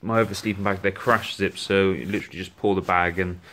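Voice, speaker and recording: Brief: a man, lowish voice, relaxed and chatty, reviewing gear on a handheld phone at home. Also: fast talker. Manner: chatty, relaxed, with frequent restarts. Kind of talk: casual product walkthrough. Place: indoors at home, on a rug.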